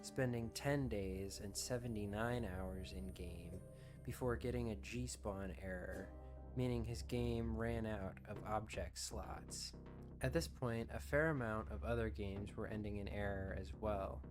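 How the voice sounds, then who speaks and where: A man reading scripted documentary-style narration as the narrator of a video. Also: fairly low pitch.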